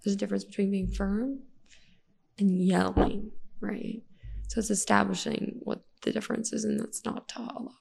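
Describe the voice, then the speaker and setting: A woman with a heavily gravelly, husky voice and a dark, mellow tone. She speaks as a podcast guest in casual conversation, telling candid stories in an animated way. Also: medium pitch, normal speed. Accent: American. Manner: candid, animated storytelling with laughs.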